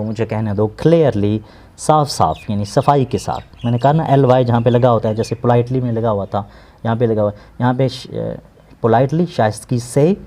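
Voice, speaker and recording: A man teaching an English lesson, slowly translating word by word and repeating each meaning with synonyms. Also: medium pitch, mellow. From Pakistan. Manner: slow, explanatory, repeats words and gives synonyms.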